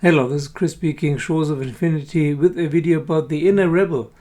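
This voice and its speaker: A man giving a calm, measured spiritual lesson, pausing often and now and then swearing bluntly. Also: fairly high pitch. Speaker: spiritual teacher. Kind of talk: reflective spoken lesson to camera.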